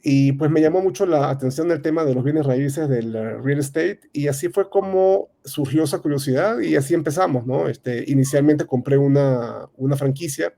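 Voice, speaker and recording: A man in his thirties with a Venezuelan accent, a real estate advisor answering interview questions in a halting way, full of fillers and restarts. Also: a little high, creaky, warm tone. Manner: hesitant, many fillers and restarts. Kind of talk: casual interview talk.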